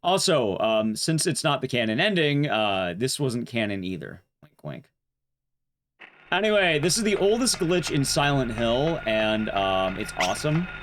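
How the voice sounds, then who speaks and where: With game music in the background, a man speedruns and chats about it loosely and playfully, rambling through explanations. His medium-pitched, fairly bright voice is very animated yet unhurried.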